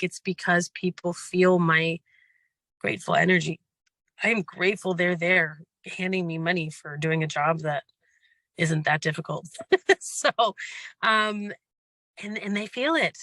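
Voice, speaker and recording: This workshop leader and life coach is losing their voice while rambling through a gratitude lesson in an earnest, encouraging way. The voice sits mid-range, bright and forceful, with no room sound, in a casual spoken workshop.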